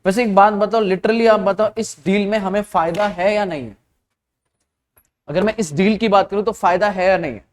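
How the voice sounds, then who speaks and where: A man's voice: sits high, normal speed. A male accounting lecturer with an Indian accent, teaching casually and quizzing his students. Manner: conversational, asks students questions. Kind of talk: classroom lecture.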